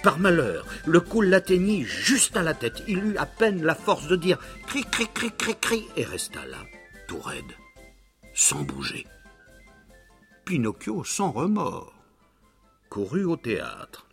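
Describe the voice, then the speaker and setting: A man narrating a children's story in a dramatic storybook manner, slowing down for suspense. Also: on the high side, huge pitch swings. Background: soft background music.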